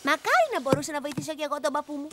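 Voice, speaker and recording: A woman's voice: high voice, lively intonation, background noise. An actress playing a cheerful, curious little girl in a dubbed cartoon, speaking eagerly. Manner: bright, eager. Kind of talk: cartoon dub.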